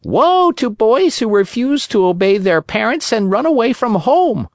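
Narrator doing a preachy old storybook cricket, high and calm, slow. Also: dry recording, clean studio sound. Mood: calm lecturing. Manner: calm, lecturing.

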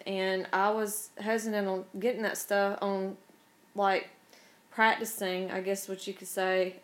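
A woman with a Southern US accent, chatting casually as a guest in an informal, down-to-earth way. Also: medium pitch. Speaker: podcast guest, obstacle racer. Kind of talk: casual chat.

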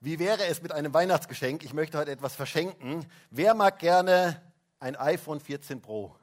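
Male pastor, Christmas sermon, a bit high-pitched, folksy, throws questions at the kids. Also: normal speed. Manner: chatty, asks the children questions, tag "hä?". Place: church service, also livestreamed.

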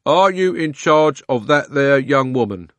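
A man voicing a stern, self-important police constable who speaks in a slow, officious way. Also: medium pitch, animated, fairly bright tone, no room sound, pitched above the performer's own voice.

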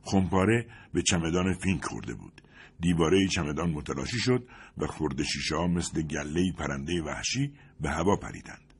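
Deep husky male audiobook narrator. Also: expressive. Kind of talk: scripted narration.

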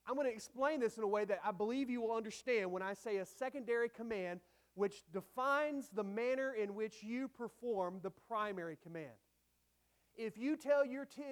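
A male pastor with a notably high voice delivers an earnest sermon. He leans hard into some phrases and lets others sink quietly at their ends. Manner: earnest, swinging between emphatic lines and soft, dropped phrase endings.

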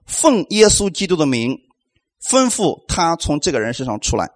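A man preaching a sermon in Mandarin, animated and full of rhetorical questions to the congregation. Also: a little high, moderate pace. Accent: Mandarin Chinese.

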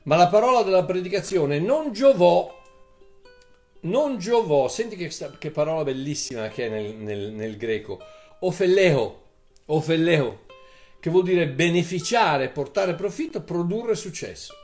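A man preaching a sermon in an animated way, repeating phrases and rising into emphatic bursts. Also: a little high, normal speed, faint music behind.

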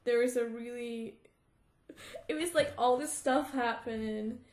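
A high-pitched woman talks unhurriedly in an echoey room. She hosts a casual book chat, laughing often and slipping into acted-out quotes. The room gives her voice a roomy echo. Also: measured pace. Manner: animated, laughs often, acts out quoted lines. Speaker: podcast host.

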